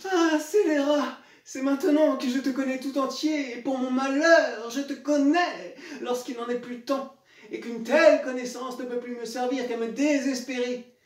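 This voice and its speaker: A man's voice: extremely high pitch, steady tone, normal speed. A man playing a proud, betrayed noblewoman in classical theatre, declaiming with hammy, vengeful indignation. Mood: indignant, vengeful. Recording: echoey room, far from mic.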